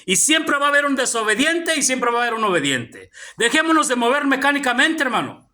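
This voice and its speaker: Very animated and brisk, the man preaches with a very high, pushed, bright voice. He is a pastor in a church hall who constantly hails his congregation as "hermano."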